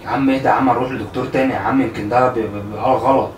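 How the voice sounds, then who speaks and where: A young Egyptian man speaks rapid-fire in a mid-range voice with fairly even intonation and an Egyptian Arabic accent. Caught off guard in conversation, he sounds worried and insistent, pressing with questions while also comforting. The distant, roomy mic picks up echo and room noise.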